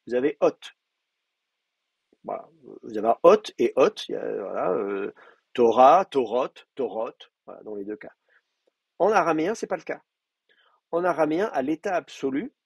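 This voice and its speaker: A man lecturing a class, explaining grammar step by step and slowly repeating word forms, with many hesitations. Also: medium pitch, creaky, a little mellow, husky, no room sound. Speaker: teacher. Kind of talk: university lecture.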